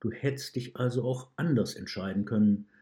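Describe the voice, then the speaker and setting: A man voicing a stern, patient male wolf catcher who asks calm, probing questions in a read-aloud story. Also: on the low side, moderate pace, lightly acted.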